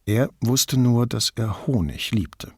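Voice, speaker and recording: A man narrating an audiobook in a calm, measured, even reading voice. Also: mid-range voice, breathy edge, no room sound. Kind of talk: scripted narration.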